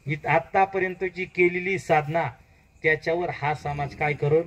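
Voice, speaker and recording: A man with a Marathi accent preaching a devotional story in kirtan style, asking the crowd quick questions and swinging up loud on key words. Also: fairly even intonation, slight background noise, poor audio. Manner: call-and-response questions, dramatic rises in pitch and volume.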